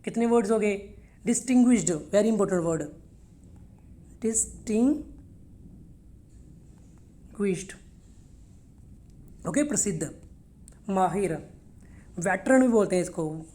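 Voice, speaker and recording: A woman with a mid-range voice and darkish tone leads a vocabulary lesson to prepare students for a test. She blends Hindi with English to explain each word, says it again for pronunciation, and asks "okay?" along the way.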